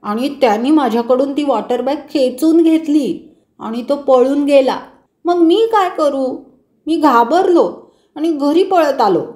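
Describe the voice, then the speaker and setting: A woman's voice: lively intonation, darkish tone. Woman doing a scared little boy. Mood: frightened. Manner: slow, pleading and high. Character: little schoolboy, scared and tearful, owning up. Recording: roomy echo.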